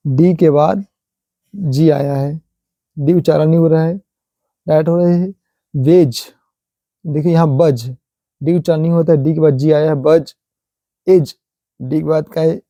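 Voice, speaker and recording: A man teaching English pronunciation in Hindi, explaining rules slowly, repeating each example word, and slipping in simple English sentences. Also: on the high side, mellow, no room sound.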